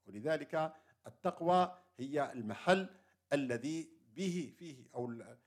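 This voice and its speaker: A man with a slightly raised voice delivers an earnest sermon. He leans on repeated short phrases and lists one after another, building them up with steady conviction. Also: fairly high pitch, a little slow. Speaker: preacher.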